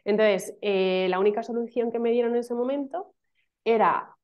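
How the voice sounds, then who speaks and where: An email marketing specialist in her thirties from Spain, speaking with a Castilian accent, chats as a guest in a video call interview from a small room at home. Her voice is a little high at normal speed, animated and full of fillers and laughs, heard through a laptop mic with dull lo-fi audio.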